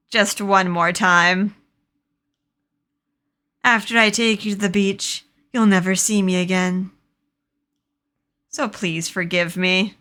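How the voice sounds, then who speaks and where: A woman voicing a gentle, remorseful young man who acts as a guardian, reading game dialogue aloud in a soft, wistful way. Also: mid-range voice, lightly acted.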